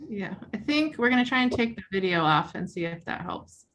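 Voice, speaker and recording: A woman moderating a video call meeting in a brisk, apologetic way. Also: medium pitch, expressive, fairly bright tone, rough recording.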